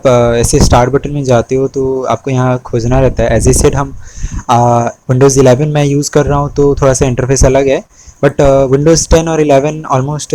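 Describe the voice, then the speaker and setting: A man's voice: medium pitch, mellow, slight background noise, low-quality recording. A young man, teaching a screen-recorded spreadsheet tutorial in a patient way. He repeats key terms and often checks in with the viewer. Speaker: Excel instructor. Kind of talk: screen-recorded tutorial, mixing Hindi and English.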